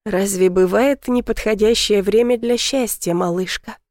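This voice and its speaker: A woman voicing a tender, adoring young boyfriend in a read-aloud story, speaking softly and slowly to reassure. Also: medium pitch, no echo, studio quality, lightly acted.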